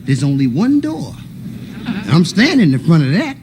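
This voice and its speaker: A man acting out a jealous, suspicious husband in a comedy monologue, drawing his words out slowly as if pondering. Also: a little high, huge pitch swings. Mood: suspicious, aggrieved. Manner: slow, drawn-out, mock-pondering. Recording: noisy old live stage recording.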